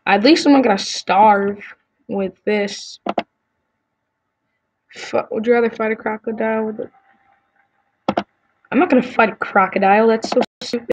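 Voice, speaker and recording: A woman's voice: fairly high pitch, fairly even intonation, normal speed, pauses often. A woman YouTuber chatting casually as she answers quiz questions, giving blunt opinions with frequent ums and restarts.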